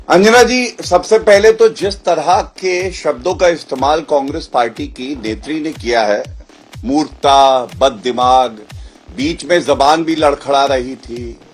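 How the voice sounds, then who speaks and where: Husky man jeering in a debate. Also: on the high side, a little slow, faint music behind. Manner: combative, mocking and accusatory. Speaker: party spokesperson. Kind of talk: TV news debate.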